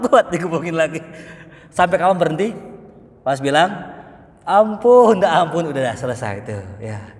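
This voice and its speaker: A man preaching in a mosque, his fairly high voice leaping up and dropping low as he tells stories. He throws casual asides to the congregation. The sound rings with the long reverb of a large hall. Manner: lively storytelling, sweeping pitch swings, colloquial asides to the congregation. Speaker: Islamic preacher. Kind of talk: mosque study-circle sermon.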